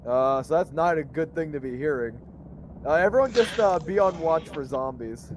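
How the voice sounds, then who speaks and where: A man's voice: fairly high pitch, animated, moderate pace, slight background noise. A young man chatting casually in an online game, organizing his group. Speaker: online co-op gamer, directing the group.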